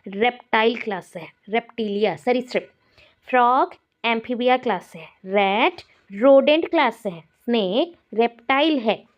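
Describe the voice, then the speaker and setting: A woman's voice: on the high side, a little slow. Woman teacher, raised voice, dull lo-fi audio. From India. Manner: explains terms step by step, repeating key words. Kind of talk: exam-prep lecture.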